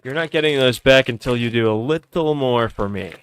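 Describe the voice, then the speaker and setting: A young man hosting a livestream, loudly and teasingly narrating an improvised role-play game and often restarting his words. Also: mid-range voice, fairly quick, clean tone.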